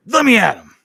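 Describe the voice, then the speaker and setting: A man hosts a podcast in a pushed, bright voice, recapping wrestling casually and jokingly. He swears, laughs, and slips into put-on joke voices. The recording is dry, with clean studio sound.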